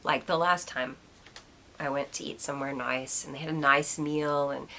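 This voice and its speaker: A woman's voice: deep voice, fairly even intonation, moderate pace, pushed and bright, slight background noise. A woman hosting a solo podcast at home, musing and reflective as she thinks aloud with plenty of ums. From United States. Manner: talks aside to her cat now and then. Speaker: podcast host. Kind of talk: casual solo podcast monologue.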